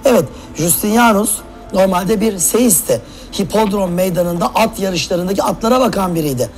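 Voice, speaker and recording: Calm museum narration voice with soft music underneath. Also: mid-range voice, moderate pace.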